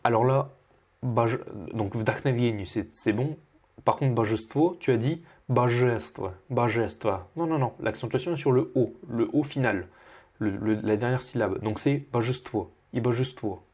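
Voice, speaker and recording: A man teaching pronunciation as he corrects a student, patiently repeating each word slowly. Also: mid-range voice, a little mellow, a little hiss or hum. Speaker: Russian language teacher.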